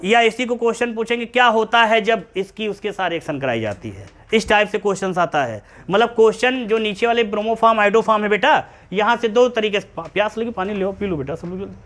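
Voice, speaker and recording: A man lectures on chemistry to a room of students. His voice sits high, and he keeps pausing to ask whether the class has understood. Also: animated, fairly bright tone. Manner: repeatedly checks understanding, calls students beta. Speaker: chemistry teacher.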